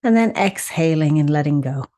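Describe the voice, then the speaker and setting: A woman leads a meditation in an animated yet soft-edged, mellow voice that lies a little low. Her soothing, simple cues come with deliberate pauses in between, captured in a close, dry recording free of room sound.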